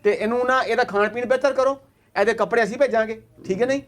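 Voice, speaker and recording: A man's voice: extremely high pitch, fast talker, fairly bright tone. A man from Pakistan on a charity visit who hands out aid and earnestly repeats his reassurances. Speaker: charity worker handing out aid. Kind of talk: on-site charity vlog talk.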